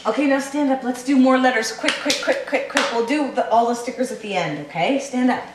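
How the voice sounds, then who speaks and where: Indoors at home, a mother sing-songs encouragement to her toddler working through letters, her voice sitting high and moving a little fast. The built-in camcorder microphone leaves an echoey sound with faint hiss.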